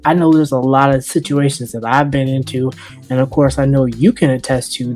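A man's voice: medium pitch, warm tone. A man hosting a casual, sarcastic commentary, talking loosely and joking as he goes. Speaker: host. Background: background music.

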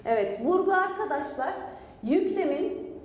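A woman's voice: high voice, a little slow. A woman teacher giving an online grammar lesson, asking her students questions and answering them herself. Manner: lively, asks and answers her own questions. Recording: echoey room with long reverb.

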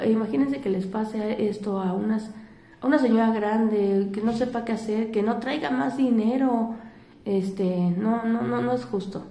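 A woman's voice: on the high side, creaky. Shaken Mexican woman vlogger, echoey room. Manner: rambling, animated retelling with filler "este"; talking while doing her makeup. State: shaken and upset. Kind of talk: casual storytelling vlog.

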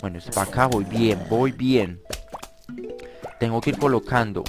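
Excitable man commenting on a game. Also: medium pitch, unhurried. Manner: excitable, yells at enemies, talks to viewers. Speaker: gaming commentator. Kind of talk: let's play game commentary. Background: game music.

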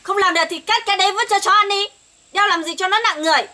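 Woman playing a scolding wife, high voice, bright tone, comedy sketch. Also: rapid-fire, faint music behind. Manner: scolding, blunt. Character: indignant young wife, sharp-tongued. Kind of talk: amateur comedy sketch acting.

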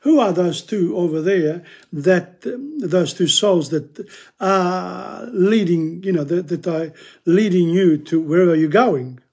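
A man reading old Italian verse aloud and explaining it in English, pausing and restarting often as he teaches. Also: high-pitched, darkish tone, husky. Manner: halting, restarts, frequent "you know".

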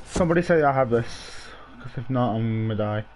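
A man's voice: medium pitch, lively intonation, brisk. Sweary young man on a noisy stream. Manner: sweary, teasing banter. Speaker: game live streamer. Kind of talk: casual gaming chat with friends.

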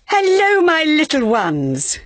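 A woman's voice: high-pitched, huge pitch swings, takes it slowly, exaggerated voice. A woman with a British accent voicing a sweet, doting old grandmother pig in a preschool cartoon. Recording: clear background noise.

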